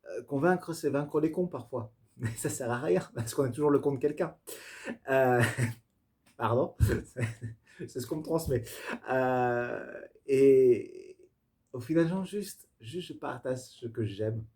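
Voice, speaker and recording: Slow, mellow-voiced male tarot reader. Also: mid-range voice. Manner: searching, halting, with frequent fillers and restarts; effusive, spiritual, addresses viewers directly. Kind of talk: improvised tarot reading to camera.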